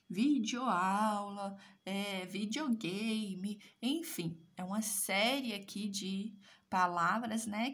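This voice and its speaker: A woman's voice: on the high side, husky. A woman teaching a recorded language class, explaining step by step and checking in with "right?" after each point. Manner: explanatory, asks "certo?" and "né?" again and again. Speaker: Portuguese teacher.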